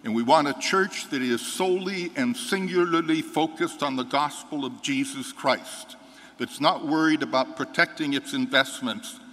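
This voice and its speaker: An older American priest reading the gospel and then preaching a homily in an earnest, measured way that builds to firm conviction. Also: male voice, medium pitch, a bit bright. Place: large church sanctuary, seated before an altar. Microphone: fixed microphone at the altar. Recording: church reverb from the hall.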